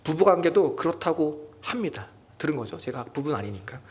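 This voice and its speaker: A young adult man preaching a sermon as junior pastor at a church prayer meeting, acting out quoted lines in a loud raised voice. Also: on the high side, big pitch swings, brisk.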